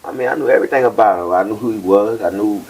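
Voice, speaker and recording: A guest rapper in his thirties from New Orleans talks candidly and loosely in a casual interview, laid-back and rambling with a repeated "like." His fairly low voice is very fast, a little mellow and breathy-edged, and the recording is rough.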